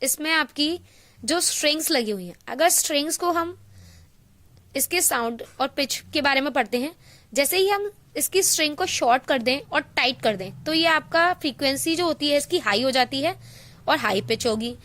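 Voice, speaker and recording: A woman with a high-pitched, bright voice teaches an online class. She keeps asking her students a question and then answering it herself. Definitions come out slow and deliberate. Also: lively intonation. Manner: explains in Hindi mixed with English terms, reads English definitions slowly.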